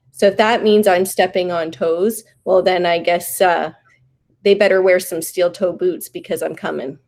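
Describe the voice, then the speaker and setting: A woman's voice: lowish voice, a little mellow. A woman from Canada, a political candidate, answering a question bluntly and defiantly at a public forum. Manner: blunt, defiant, plain-spoken.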